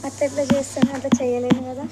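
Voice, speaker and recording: A woman with a Telangana Telugu accent, calmly and firmly explaining a decision in a casual vlog. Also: sits high, very fast, heavy background noise. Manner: calm, firm, explaining. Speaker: vlog team member.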